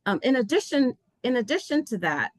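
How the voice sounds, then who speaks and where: A woman's voice: a little high, very animated, brisk, dry recording. A woman giving heartfelt welcome remarks at a webinar as an agency official. She speaks earnestly and passionately, and often loses her place and restarts.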